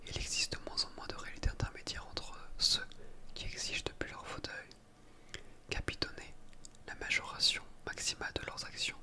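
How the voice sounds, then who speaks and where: Someone whispering like in a library, asmr book reading, all breath no voice, trips on words a bit. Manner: soft library-like whisper throughout. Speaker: ASMR reader.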